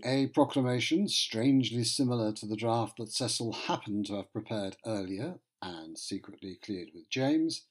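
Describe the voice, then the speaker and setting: A man's voice: medium pitch, a little mellow. A man narrating history from a script, in a wry, conversational storytelling manner with joking asides.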